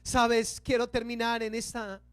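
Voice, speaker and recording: A male pastor, preaching an Easter sermon and slowing down to stress key words. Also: very high voice, monotone, a bit bright, no echo.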